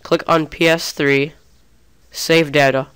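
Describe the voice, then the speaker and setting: In a screen-recorded gaming tutorial, a young man who's a little sick, with a slightly off voice, chats casually and often starts sentences over. His voice is fairly high, flat in delivery and slow, with a clean, fairly bright tone.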